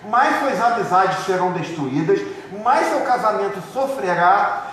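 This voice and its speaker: Echoey distant preaching pastor, Rio accent. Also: male voice, high-pitched, unhurried, a little hiss or hum. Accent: Brazilian Portuguese, Rio de Janeiro. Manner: animated preaching, swings from loud to hushed, acts out congregants. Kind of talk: sermon. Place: large church hall. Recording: echoey church hall from far off.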